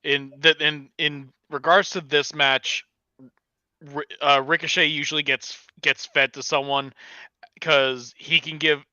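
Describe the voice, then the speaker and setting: A man's voice: on the high side, little pitch movement, a little slow, bright, forceful tone, clear, resonant tone, dry recording, lo-fi sound. A man on a casual wrestling panel, making dry jokes between stumbles.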